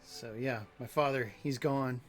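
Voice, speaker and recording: A man's voice: mid-range voice, fairly even intonation, measured pace. A man chatting casually as he streams a video game and reacts to it. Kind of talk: casual gameplay stream chat. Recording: game music behind the voice. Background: video game music.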